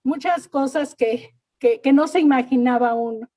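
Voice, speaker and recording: A woman's voice: sits high, normal speed, mellow, no room sound. A middle-aged woman giving an earnest church testimony, often repeating words and thanking God. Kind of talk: personal faith testimony.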